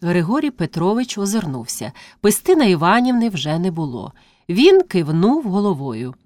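A woman narrating classic prose as an audiobook reading, with expressive storytelling. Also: fairly low pitch, normal speed, no room sound.

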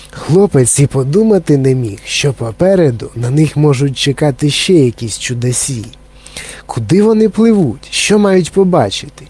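A man narrating a children's story in a calm, even reading. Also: mid-range voice, husky.

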